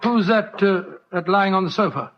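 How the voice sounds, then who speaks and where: An actor with a British accent playing an anxious, loyal doctor and storyteller in an old radio drama, earnest and hesitant when flustered. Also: male voice, sits high, normal speed. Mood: shocked, concerned. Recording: muffled old radio recording.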